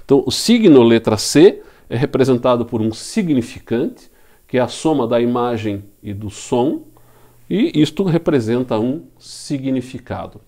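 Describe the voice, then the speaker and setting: A man with a Brazilian Portuguese accent delivers a recorded lecture at a mid-range pitch. He works through each point patiently, asks rhetorical questions and answers them himself, and comes back to the same key terms again and again. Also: very animated, measured pace, warm tone. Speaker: law lecturer.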